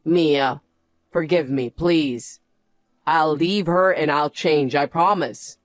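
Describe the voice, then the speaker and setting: A man's voice: on the high side, takes it slowly, no room sound. A man playing a cowardly cheating husband in a story drama, whiny and pleading.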